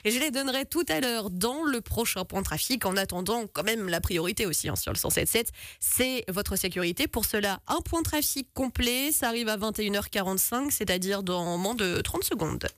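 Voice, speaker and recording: A woman's voice: mid-range voice, expressive, moderate pace, few pauses, a bit bright, dry recording. A woman hosting a live radio talk show from a studio, chatty and reading out listener messages. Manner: chatty, reads listener messages, laughs easily. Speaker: radio host. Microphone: studio microphone.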